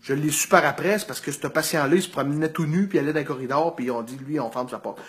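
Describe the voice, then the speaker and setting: A man with a Quebec French accent telling a casual anecdote, animated and slangy, swearing freely. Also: on the high side, fast talker. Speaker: storyteller.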